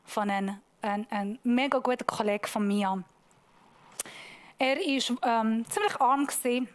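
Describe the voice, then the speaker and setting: A woman pastor giving a sermon, preaching emphatically and slowing down to stress key points. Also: a little high. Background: music.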